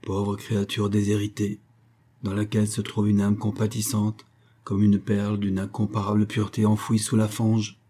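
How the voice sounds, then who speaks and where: A man narrating a classic novel as an audiobook in a measured, even storytelling delivery. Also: fairly low pitch.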